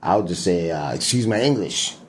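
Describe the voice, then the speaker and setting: A low, animated male voice comes through briskly over a little hiss or hum. He's a guest in a casual interview, speaking emphatically and profanely, packed with fillers and slang.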